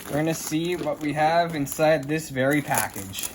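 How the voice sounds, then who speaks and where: In a noisy room full of ambient hiss, a man with a fairly high-pitched voice talks at normal speed. He hosts a radio unboxing video, narrating like a casual, showy hobbyist who announces every step as a presenter would.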